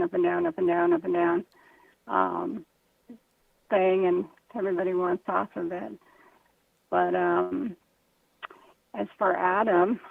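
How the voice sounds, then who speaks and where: A hoarse woman calling in to a talk show, her voice gravelly and still recovering. She rambles casually with lots of fillers. The line is tinny and dry. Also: medium pitch, no room sound. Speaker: caller. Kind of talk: casual call-in chat.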